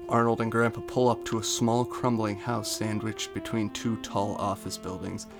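A man with a fairly low voice reads out a story pitch in a steady narrating manner. Music plays clearly behind his voice. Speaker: podcast co-host pitching a fan episode. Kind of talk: reading a written episode pitch, then casual chat.

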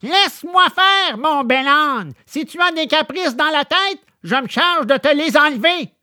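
A man's voice: very high-pitched, expressive, measured pace, no echo, clean studio sound, pitched above the performer's own voice, exaggerated voice. A man voicing a furious, grumbling master who scolds his donkey in a storybook reading. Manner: shouting, scolding.

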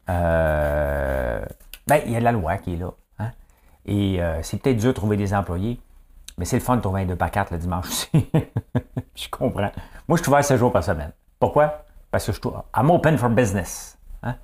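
A man's voice: low voice, expressive, normal speed, darkish tone. A middle-aged man with a Québécois accent giving a jokey, rambling opinion monologue that keeps asking "hein?". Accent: Québécois French. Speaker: commentator.

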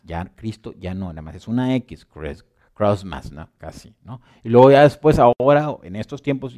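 A man preaching a sermon in a conversational way, often asking listeners whether they follow, and swinging between loud emphasis and quiet asides. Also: on the low side. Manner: conversational, asks listeners for agreement.

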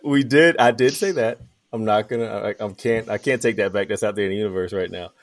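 A man's voice: fairly low pitch, fairly even intonation, quick pace. A man hosting a podcast in casual, informal talk full of slang. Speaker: podcast host. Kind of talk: casual chat.

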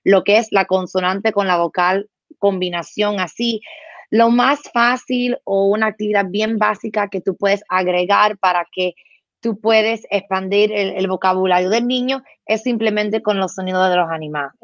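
A woman speech therapist explaining things in an interview, animated, imitating animal sounds and mixing in English words. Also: mid-range voice, normal speed, dry recording, highs cut off.

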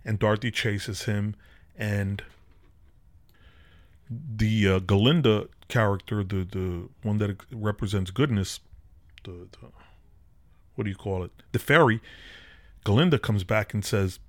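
This podcast host speaks in a fairly low voice, a little slowly, with frequent pauses. He loosely recaps a film and draws spiritual lessons from it, rambling along with plenty of fillers and false starts.

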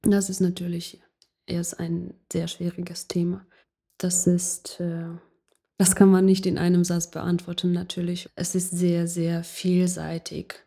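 A woman from Ukraine with a Ukrainian accent, a jazz singer answering interview questions haltingly, often searching for words. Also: lowish voice, completely flat delivery, creaky, mellow, breathy edge.

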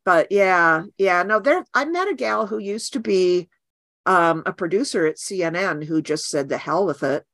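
A woman's voice: fairly low pitch, lively intonation, fairly bright tone, dry recording. A woman artist as a guest in a casual interview, frank and wry. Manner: frank, wry, quick to agree.

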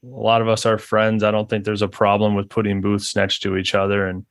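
Guy hosting a podcast, lowish voice, laid back, kinda stop-start. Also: completely flat delivery. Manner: easygoing, halting with restarts. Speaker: podcast host. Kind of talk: casual interview chat.

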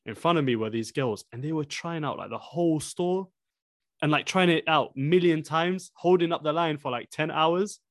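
A man's voice: a little high, moderate pace, no echo, studio quality. Young roadman-style man chatting. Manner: roadman-style London slang. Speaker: podcast co-host. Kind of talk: casual chat.

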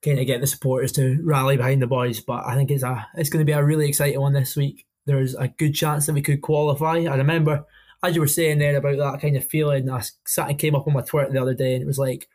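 A young adult man with a Scottish Highland accent, chatting casually about sport in a colloquial, matey storytelling way as a podcast co-host. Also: little pitch movement, quick pace, darkish tone. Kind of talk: casual football chat.

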